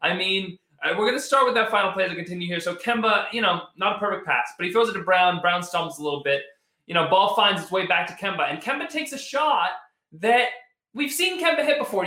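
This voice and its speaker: A man's voice: high voice, animated, brisk, pushed and bright, echoey room. A man hosting live post-game sports commentary, conversational, repeating words as he thinks aloud. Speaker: sports show host.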